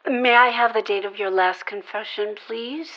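A woman's voice: mid-range voice, fairly even intonation, normal speed, natural voice. A woman playing an overly eager church call-center agent with syrupy, salesy patter in a radio play. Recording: dull lo-fi sound.

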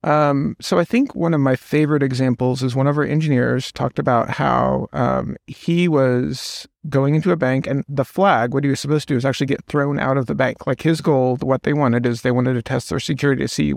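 Man, gravelly, podcast guest, explains at length, dry. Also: medium pitch, steady tone, a little fast, few pauses, no echo. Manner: explains at length, storytelling with quoted voices. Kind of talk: casual conversation.

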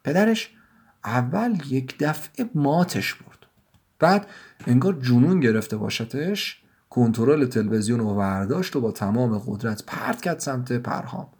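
A man reading his own written story aloud in a measured, even storytelling manner. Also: medium pitch, breathy edge. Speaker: writer and narrator. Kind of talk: scripted story narration.

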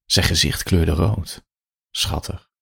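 Man, very low voice, gravelly, slow first-person story reading, husky. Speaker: reader. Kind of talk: reading an erotic story aloud.

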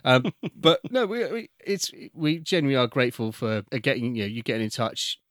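A man's voice: mid-range voice, very animated, fairly quick, no room sound, studio quality. A man co-hosting a film podcast in casual chat, often restarting his sentences and laughing. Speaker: podcast co-host.

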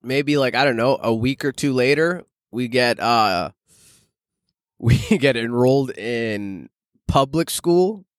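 Speaking slowly at a medium pitch, a Canadian comedian in his thirties who later moved to Arizona tells stories on his casual solo podcast. His talk is slangy, animated, and profane, and he addresses his audience as "guys." The studio-quality audio has a clean tone and no room sound.

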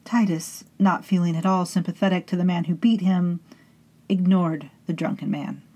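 A woman hosting and narrating a scripted horror story in a hushed, intimate way, sometimes sinking into whispers and calling her listeners beloveds. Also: on the low side, fairly even intonation, normal speed, poor audio. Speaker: storytelling host.

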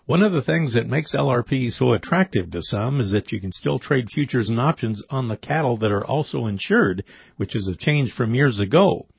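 Male report presenter, husky mid-range voice, scripted commentary, slightly dull recording. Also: mid-range voice, lively intonation, normal speed, dry recording. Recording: dry, slightly dull audio.

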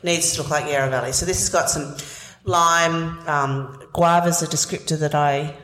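A woman leading a casual wine tasting, chatty and knowledgeable, explaining flavours with quick laughs. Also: low-pitched, fairly even intonation, fairly bright tone, poor audio. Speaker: wine educator.

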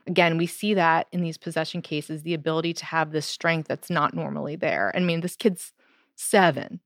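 Lowish woman telling a spooky story. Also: moderate pace, no room sound, studio quality. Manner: animated, laughs while telling, fond of "so" and "like". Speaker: podcast co-host telling the story. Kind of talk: casual storytelling chat.

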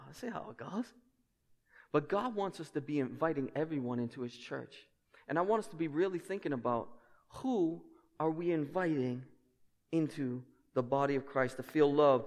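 Higher-voiced male pastor preaching in echoing hall. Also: normal speed, darkish tone. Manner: repetitive, emphatic phrasing with rhetorical questions. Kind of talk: sermon. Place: large indoor church hall. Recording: echoey hall with long reverb.

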